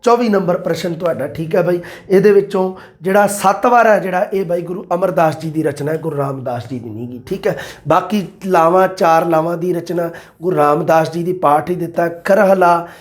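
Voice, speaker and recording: A man, an exam-prep teacher explaining multiple-choice answers and quoting verses slowly. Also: sits high. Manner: addresses listeners as "bai", quotes verses slowly.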